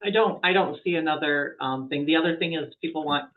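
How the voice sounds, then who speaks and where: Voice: mid-range voice, a little fast. A webinar moderator relaying audience questions in a hesitant way with frequent restarts. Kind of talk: casual Q&A moderation. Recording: tinny phone-like call audio.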